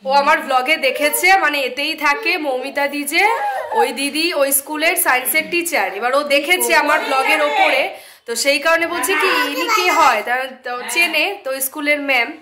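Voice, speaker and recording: A woman's voice: high-pitched, fairly quick, very noisy. A young woman with a Bengali accent narrating her family day in a casual home vlog, talking straight to viewers on a handheld phone camera. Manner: chatty, addresses viewers directly, talks softly at times. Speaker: vlogger.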